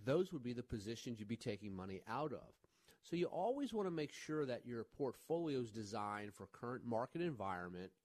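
A man's voice: mid-range voice, a little mellow, no room sound. A man hosting a financial advice radio show, giving emphatic, reassuring advice and checking in with "right?" and "okay?". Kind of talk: radio call-in talk.

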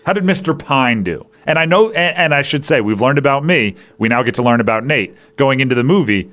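A man's voice: mid-range voice, lively intonation, brisk, a bit bright. A man hosting a podcast, casually chatting through a movie review in a rambling way, with restarts and fillers. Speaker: podcast host.

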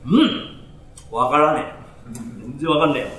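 A man playing a brash, greedy male burglar in a rakugo tale, with rough downtown Tokyo talk and chuckles to himself. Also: medium pitch, expressive, unhurried, a bit bright. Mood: gleeful. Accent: Tokyo downtown speech. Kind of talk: rakugo storytelling. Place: small storytelling hall before an audience. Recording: roomy hall with faint noise.

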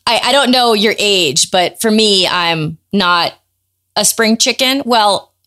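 Excitable woman podcast host. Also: medium pitch, takes it slowly. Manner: loose, excitable, laughs easily. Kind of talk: casual interview chat.

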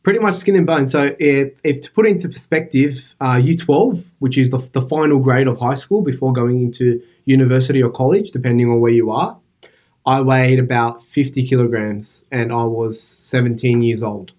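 A man, talking in a relaxed, easygoing way as a podcast guest in an office. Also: medium pitch, normal speed. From Iraq, raised in western Sydney. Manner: relaxed, easygoing, some restarts. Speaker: guest bodybuilder and engineer. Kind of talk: casual interview.

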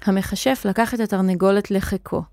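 A woman's voice: medium pitch, fairly even intonation, dark tone, dry recording, clean studio sound. Woman reading a children's story. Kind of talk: scripted children's story narration.

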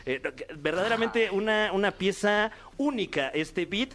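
A man's voice: expressive, normal speed, crowd noise. A man with a Mexican Spanish accent hosting a casual comedy podcast, playfully retelling jokes. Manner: playful storyteller, acts out characters in high squeaky voices. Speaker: podcast host presenting a top three.

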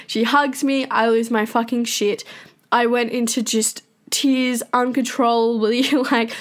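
Young woman w a high voice, blunt confessional vlog talk, swears a lot. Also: fairly even intonation. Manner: candid, swears often, fast bursts. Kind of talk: personal confessional monologue.

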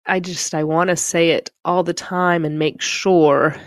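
Heartfelt woman host, low voice, dry sound. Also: steady tone, unhurried, no room sound. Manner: heartfelt, reflective, with fillers and soft laughs. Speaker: podcast host. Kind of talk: casual motivational monologue.

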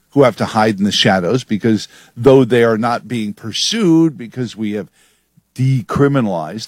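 Brief: male radio host, mid-pitched, emphatic and sardonic, dry close studio sound. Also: a little mellow, no room sound. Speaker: radio talk show host. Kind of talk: talk radio monologue.

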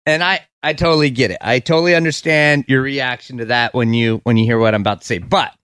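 A man's voice: medium pitch, fast talker, fairly bright tone, clean tone, dry recording, clean studio sound. A man hosting a radio show, chatting casually with callers. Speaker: radio host. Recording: music playing behind voice.

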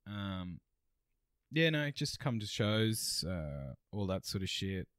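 A man's voice: lowish voice, big pitch swings, slow, a bit bright, clean tone, no room sound, studio quality. An Australian man co-hosting a comedy podcast in casual chat, laid-back and sweary, often laughing as he talks.

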